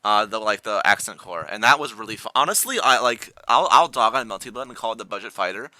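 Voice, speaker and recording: A man's voice: on the low side, lively intonation, fast, pushed and bright, no echo. A man co-hosting a casual podcast chat with friends, rambling and restarting his sentences often. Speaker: podcast co-host.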